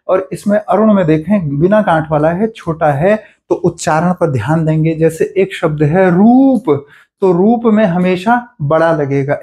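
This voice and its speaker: A man teaching Hindi spelling for a competitive exam, explaining patiently and repeating each word slowly to contrast right and wrong forms, with a Hindi accent from Uttarakhand. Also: high voice, a little mellow. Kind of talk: exam-prep spelling lesson.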